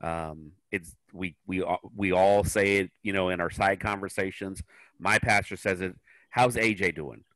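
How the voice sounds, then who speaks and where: Bright, dry-sounding man in discussion. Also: deep voice, fairly even intonation, moderate pace, no room sound, poor audio. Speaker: salesman, roundtable participant. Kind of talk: casual meeting discussion.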